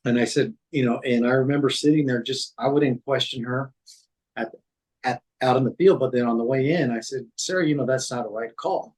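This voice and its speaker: A man's mid-range voice, a little mellow and breathy, is heard through poor audio. As a former city code manager describing past events at work in an interview, he speaks haltingly with many fillers and restarts, quoting other people's words.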